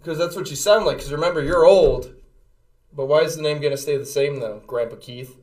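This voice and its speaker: A man's voice: a little high, fairly quick, a little mellow. A young man co-hosting a casual sports podcast, talking in long rambling runs and laughing easily. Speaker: podcast co-host.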